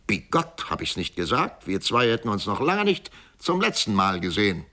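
In an audiobook reading, a man performs the voice of an older town executioner who sneers at and taunts his old enemy with mock politeness. His naturally lowish voice is pushed above its usual pitch into an exaggerated, bright, forceful tone that swoops wildly, at a normal speed.

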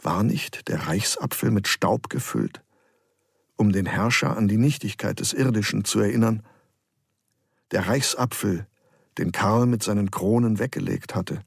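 A man narrating a novel in a calm, measured storytelling manner. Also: on the low side, gravelly, slightly rough, no room sound, studio quality. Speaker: audiobook narrator. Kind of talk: scripted narration.

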